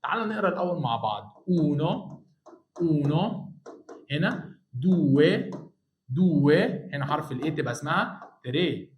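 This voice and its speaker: Egyptian man drilling Italian words slowly. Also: on the high side, lively intonation, reverberant. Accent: Egyptian Arabic. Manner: drills words slowly, repeats each one, coaxes the student. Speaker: Italian language teacher. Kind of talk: online lesson for high school students.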